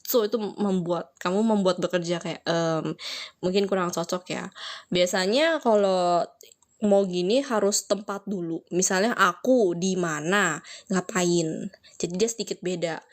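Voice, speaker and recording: Young woman, Mandarin tutor, casual chatty live lesson, slows for example phrases. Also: on the low side.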